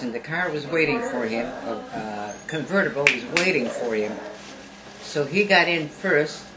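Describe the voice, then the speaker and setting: A woman's voice: low voice, rough recording. Ninety-year-old woman on home video. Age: 90s. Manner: plain, halting, with repeated words. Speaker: eyewitness being interviewed. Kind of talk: recounting a memory on home video. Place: family home gathering at Easter.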